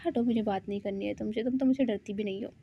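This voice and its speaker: A woman's voice: medium pitch, fairly even intonation, quick pace, vocal fry, highs cut off, slight background noise, close to an everyday voice. A woman voicing a playful young woman who pretends to be grumpy and tough, with huffy, pouting protests. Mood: mock angry.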